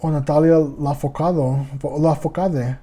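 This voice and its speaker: A man's voice: a little high, steady tone, measured pace, mellow, breathy edge. A man with a lisp hosting a casual solo music podcast, rambling and stumbling over foreign names, calling his listeners "y'all". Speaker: podcast host.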